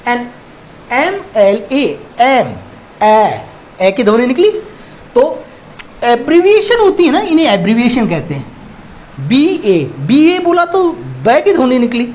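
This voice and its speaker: A male teacher giving a grammar lesson, dictating slowly and repeating example words one at a time. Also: extremely high pitch. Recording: dull lo-fi recording, faint noise.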